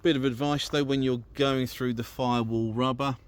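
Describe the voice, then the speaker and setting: The recording is clean as a British vehicle owner casually walks through an installation for a handheld camera or phone. He has a medium-pitched voice with fairly even intonation and talks at a normal speed, keeping things informal and chatty.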